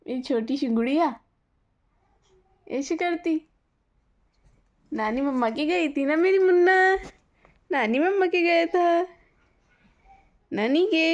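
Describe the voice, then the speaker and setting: A young mother coaxing her baby twins in sing-song baby talk, repeating their pet names. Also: high-pitched.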